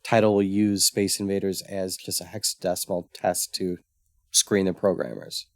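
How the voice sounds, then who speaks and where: A man's voice: low voice, level tone, normal speed, no room sound. A man co-hosting a casual retro gaming podcast, easygoing and stumbling over his words. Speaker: podcast co-host. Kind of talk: casual chat.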